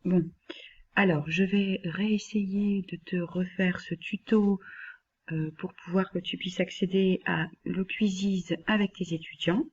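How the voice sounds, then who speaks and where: A woman instructor walking a colleague through a screen-recorded software tutorial, patient and step-by-step, talking directly to him and sometimes dropping to a near whisper. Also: fairly low pitch, steady tone, slow pace, slightly rough, lo-fi sound.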